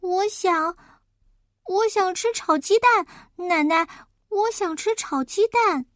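A woman voicing a noisy, cheeky little boy who talks high, loud and insistent. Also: slow pace, no room sound, clean studio sound, heavily acted.

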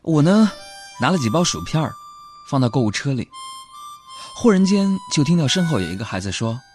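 A man's voice: a little high, very animated, brisk, a little mellow, faint music behind. A man hosting a comedy show, telling funny everyday stories in a chatty, playful way. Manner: chatty, playful, acts out quoted voices. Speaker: radio comedy host. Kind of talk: comic storytelling monologue.

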